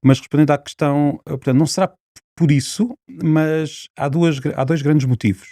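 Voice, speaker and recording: A man's voice: a little high, a little fast, dark tone, dry recording, clean studio sound. A man with a European Portuguese accent, a linguist guest on a podcast, explaining at length with many fillers and restarts.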